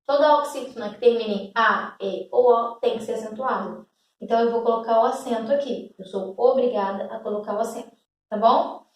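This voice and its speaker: Teacher in an echoey room. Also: female voice, a little high, fairly quick, far from the mic. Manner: explains step by step, often checking in with "tá?" and "ok?". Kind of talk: grammar lesson for schoolchildren. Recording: echoey room, away from the mic.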